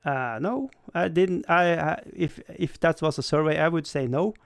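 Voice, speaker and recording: A livestream host whose first language is Swedish rambles through casual chat in a gravelly yet smooth voice on the high side, at a moderate pace. He's self-deprecating, often stammering into restarts and laughing, and the sound is dry and close with no echo.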